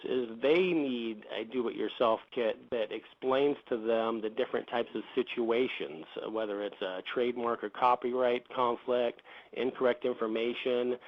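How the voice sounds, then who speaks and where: A man answering interview questions about his business, speaking hesitantly with many fillers and restarts. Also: medium pitch. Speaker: reputation management company founder. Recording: dull lo-fi audio.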